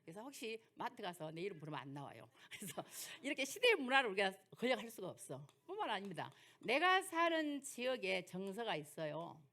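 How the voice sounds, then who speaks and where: A woman's voice: medium pitch, very animated, a little fast, hardly any pauses, fairly bright tone. An older woman pastor with a Jeolla accent, preaching through folksy personal stories and rhetorical questions. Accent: Jeolla dialect. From Jeolla, South Korea. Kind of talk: sermon lecture with personal stories.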